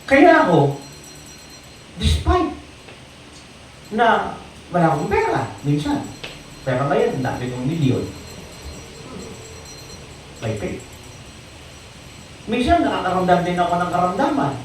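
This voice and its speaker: A preacher giving a sermon in a church, calling out to the congregation for amens and swinging between loud bursts and quiet lines. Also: huge pitch swings, slow pace, pauses often, a little hiss or hum. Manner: call-and-response, asking the congregation for amens; swings from loud exclamations to low quiet phrases. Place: church hall. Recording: very echoey hall, voice from far off.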